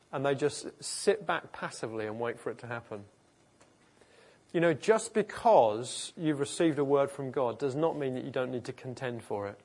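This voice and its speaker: A man's voice: mid-range voice, darkish tone. Man, pastor, conversational sermon, earnest, informal, frequent self-corrections.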